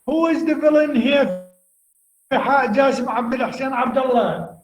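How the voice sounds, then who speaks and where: A male university lecturer with an Iraqi accent and Arabic as his first language talks through a poem in a high-pitched, slow, repetitive way, pausing to quiz students by name. The recording is dull and lo-fi, captured in an echoey classroom.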